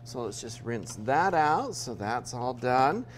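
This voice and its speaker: A man's voice: mid-range voice, big pitch swings, takes it slowly, slight background noise. A man in his fifties from Utah hosting a TV cooking segment, chatting through each step as he cooks in a studio kitchen. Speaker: TV cooking show host. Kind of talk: cooking demonstration.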